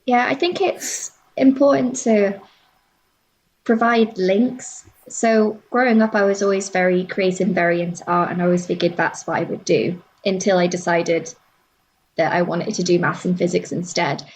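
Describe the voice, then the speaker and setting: A young woman explains her views in a measured, reflective way during a casual discussion. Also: fairly low pitch, steady tone, a little mellow, slight background noise, poor audio.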